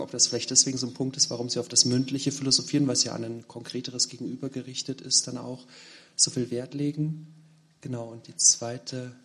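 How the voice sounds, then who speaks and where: A man in the audience of a lecture hall speaks in a strikingly flat, monotone voice. He builds a long, searching question with some fillers along the way. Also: medium pitch. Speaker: audience member asking a question.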